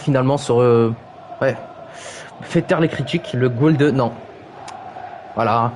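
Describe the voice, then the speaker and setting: A man's voice: on the high side, darkish tone, slight background noise. Joking French-speaking man calling a game match. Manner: jokey, mocks players' names, reads chat aloud, exclaims "aïe aïe". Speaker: streamer commentating a video game football match. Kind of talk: playful live play-by-play commentary. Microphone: streaming microphone.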